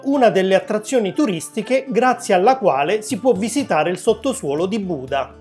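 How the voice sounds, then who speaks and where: A woman narrating a travel vlog in a calm, informative tour-guide manner. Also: mid-range voice. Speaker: travel vlogger.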